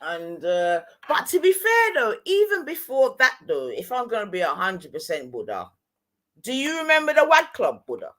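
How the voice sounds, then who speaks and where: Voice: mid-range voice, huge pitch swings, normal speed, a bit bright. Casting: middle-aged Londoner, roadman slang and accent, casual anecdote-teller who keeps checking the listener follows. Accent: London, street slang. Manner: London roadman way of talking, slangy, frequent tag questions. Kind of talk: casual storytelling chat.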